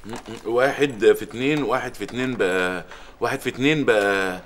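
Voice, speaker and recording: A man's voice: medium pitch, quick pace, lightly acted. A man acting a bumbling, hesitant café customer in a comedy sketch, fumbling over sums.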